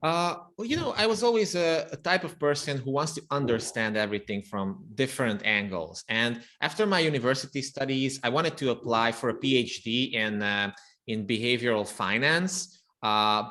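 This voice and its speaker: A man's voice: mid-range voice, lively intonation, moderate pace, pushed and bright. A man from Romania whose first language is Hungarian, a copywriter guest on a podcast interview, who speaks thoughtfully and restarts his phrases often.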